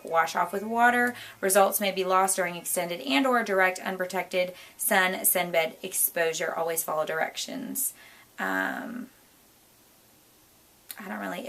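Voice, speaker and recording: Chatty hoarse woman. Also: on the low side, a bit bright. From Florida, US. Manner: chatty, rambling, bubbly with asides. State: hoarse, losing her voice. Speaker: beauty vlogger. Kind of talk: casual chat. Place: home, indoors. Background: light jazz music.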